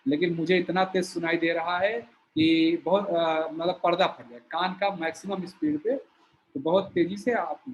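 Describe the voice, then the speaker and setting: A man teaching a yoga breathing exercise, explaining slowly while he shows each step. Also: on the high side, steady tone, dull audio, slight background noise. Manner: slow, explanatory, shows movements while talking.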